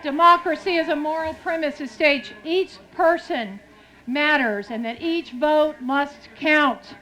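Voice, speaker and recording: A woman's voice: sits high, unhurried, pushed and bright, faint music behind, low-quality recording. A woman giving an impassioned, declamatory protest speech that ends in a chant. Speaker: rally speaker.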